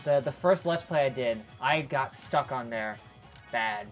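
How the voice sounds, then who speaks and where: A woman's voice: a bass voice, animated, unhurried. A woman hosting a casual let's play, chatting as she goes. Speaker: gaming host. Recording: game music behind voice. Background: video game music.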